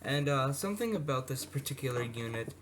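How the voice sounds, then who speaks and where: Brisk and lively in intonation, a medium-pitched man casually shows off vintage electronics for a hobby video. He improvises, rambling with asides and self-corrections, in a noisy amateur recording marked by clicks.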